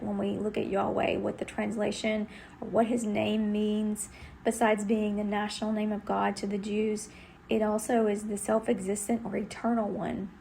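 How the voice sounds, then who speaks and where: A woman's voice: medium pitch, vocal fry, darkish tone, slight background noise. A middle-aged woman from Texas, giving an earnest, conversational devotional Bible teaching.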